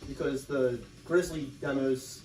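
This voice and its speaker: A man's voice: mid-range voice, steady tone, a little slow, darkish tone, recorded from a distance, faint music behind. Brief: male interviewer, loose chatty questions, roomy sound, off-mic. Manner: rambling, heavy use of "like" and "um". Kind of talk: casual interview.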